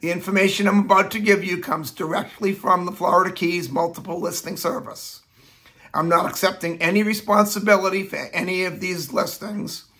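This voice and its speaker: An older man, hoarse and slightly nasal as he gets over the flu, presenting a market update as a real estate agent. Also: sits high, steady tone, moderate pace, bright, forceful tone. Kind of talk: informal scripted-style video presentation. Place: small furnished living room, indoors.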